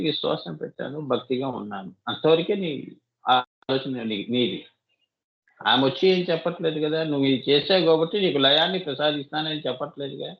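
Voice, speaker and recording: A man's voice: fairly high pitch, dull audio. A man giving a devotional discourse as a spiritual teacher, often asking his listeners rhetorical questions and calling them child.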